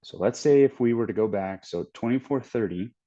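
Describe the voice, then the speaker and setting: On a dull, lo-fi recording, a man in his thirties with a low, dark voice talks briskly through a casual screen-share for his trading channel. He rambles and thinks aloud, restarting as he crunches numbers on screen.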